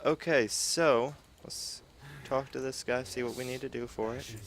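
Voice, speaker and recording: Slow, relaxed man commenting on gameplay. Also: medium pitch, background noise. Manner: relaxed, thinking aloud while playing. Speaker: gameplay video host.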